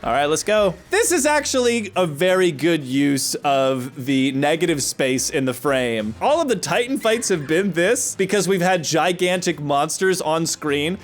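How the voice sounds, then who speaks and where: A woman giving casual gameplay commentary as a let's player, jokey and gushing, swinging between excitement and emotion. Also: low-pitched, measured pace, few pauses. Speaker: let's play gamer.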